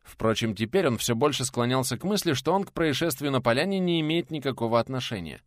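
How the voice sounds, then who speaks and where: A man narrating an audiobook in a steady, dramatic reading style. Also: mid-range voice, fast, no echo, studio quality.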